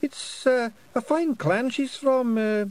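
Tiny male fairy warrior, Scottish accent, squeaky high voice, odd pinched timbre, nervous stammer, storybook. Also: slow pace, a little mellow. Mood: bashful. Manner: stammering, eager, bashful. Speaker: audiobook reader. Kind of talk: audiobook character voice.

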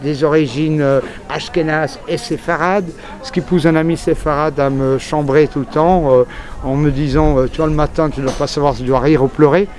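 Out on a busy city street, a French journalist speaks frankly in a street interview, rambling through a long story packed with fillers, with crowd and traffic noise around him. His voice sits on the high side, with fairly even intonation, a moderate pace and a slightly mellow quality.

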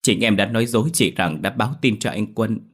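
A man's voice: fairly low pitch, fairly quick, slightly rough, pitched above the performer's own voice. A man voicing a guilty, resentful younger sister who speaks hesitantly. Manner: hesitant, then pleading.

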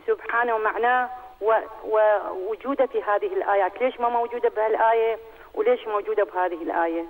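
A woman caller asking a question over the phone, speaking in a halting way and slowing down as she reads verses aloud. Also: mid-range voice. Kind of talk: phoning in a question. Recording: tinny phone line with long hall echo.

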